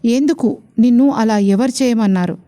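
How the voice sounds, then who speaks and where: A woman's voice: a little high, moderate pace, mellow, natural voice. A woman voicing a stern, domineering older aunt-in-law in a storybook romance, who scolds sharply. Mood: angry.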